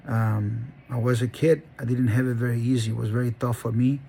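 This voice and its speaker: A middle-aged Honduran man, a dog breeder who hosts a channel, tells his life story in an earnest, rambling personal monologue full of restarts. His medium-pitched voice is steady, a little fast, gravelly and dark, with a breathy edge.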